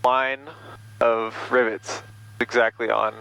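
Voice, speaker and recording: A man's voice: mid-range voice, slow pace, vocal fry, slight background noise, low-quality recording. A young man, a student pilot, chatting casually and calling out checklist items over a headset in a small plane cockpit. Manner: relaxed, joking, swears casually. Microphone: aviation headset intercom.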